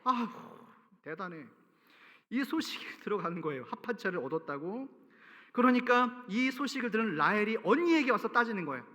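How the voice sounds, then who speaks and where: A male pastor giving an animated, storytelling sermon and cueing the congregation to read aloud together. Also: high-pitched, a little fast. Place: large church sanctuary. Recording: reverberant church hall.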